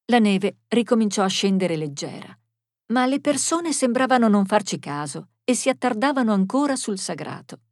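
A woman narrating a story in a measured, expressive reading. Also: medium pitch, no echo, studio quality.

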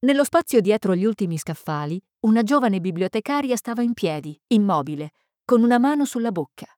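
A woman's voice: mid-range voice, expressive, brisk, mellow, dry recording. Woman narrating in a dry close voice. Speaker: audiobook narrator. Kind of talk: scripted narration.

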